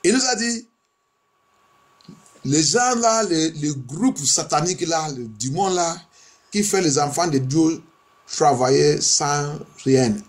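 Slow and on the high side, this male pastor's voice drives a fervent charismatic prayer sermon that moves between French and English. He keeps repeating phrases insistently, almost like a chant.

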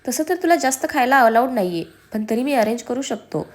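A woman's voice: a little high, lively intonation, a little fast, close to an everyday voice. A woman voicing a young husband in a storybook, fond and teasing but easily exasperated.

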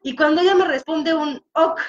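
A woman discussing a novel in casual chat, expressive and acting out the voices she quotes. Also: high voice, moderate pace. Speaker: book discussion host. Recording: dull lo-fi sound with faint music behind.

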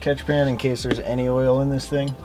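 A man's voice: mid-range voice, level tone, brisk. A young man helping with an outdoor car repair, talking bluntly and tersely, with some swearing. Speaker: mechanic helper. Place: outdoors on a street beside a car. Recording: faint background noise.

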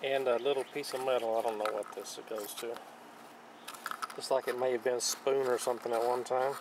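A man hosting his own channel, calmly walking through the items he found one by one in casual show-and-tell narration, recorded outdoors on a dock. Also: medium pitch, noisy background. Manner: plain, unhurried, listing items one by one. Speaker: channel host showing magnet fishing finds. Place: outdoors on a wooden dock by a lake.

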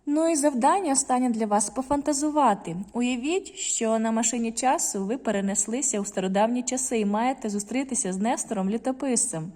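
Woman teacher reading slowly in a reverberant room. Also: on the high side, mellow. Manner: slow careful word-by-word reading, stressing syllables. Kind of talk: recorded online reading lesson for children.

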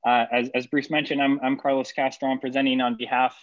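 A man's voice: medium pitch, level tone, fast, no room sound, muffled recording. A man from El Salvador who grew up in Ohio, giving a conference talk over a video call, with many fillers and repeated words. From El Salvador, raised in Ohio. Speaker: engineering professor presenting research.

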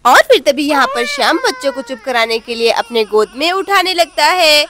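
A woman narrating a children's doll story, speaking lively and talking straight to the viewers. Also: high-pitched, moderate pace. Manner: lively, addresses viewers directly.

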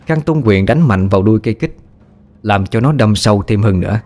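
Brief: male storyteller, dramatic ghost-tale narration, low pitch, faint music bed. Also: animated, fairly quick, darkish tone.

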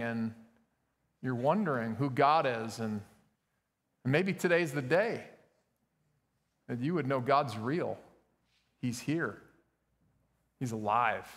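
This male pastor has a mid-range, somewhat bright voice as he preaches casually, often using fillers and correcting himself. The sermon was captured in a church sanctuary, and the long reverb of the hall is clearly audible.

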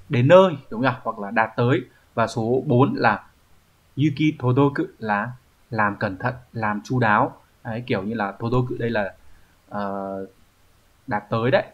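A man's voice: medium pitch, fairly bright tone. A man teaching, walking through exam answers one by one and often checking with the listener, "right?". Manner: explanatory, asks rhetorical checks like "right?". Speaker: Japanese language teacher.

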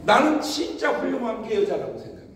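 A male pastor preaching a humorous revival sermon, telling lively stories and mimicking other people's voices. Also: high-pitched, brisk, background noise. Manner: animated storytelling with mimicked voices and laughter. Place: large church hall. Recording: echoey church hall, picked up from far off.

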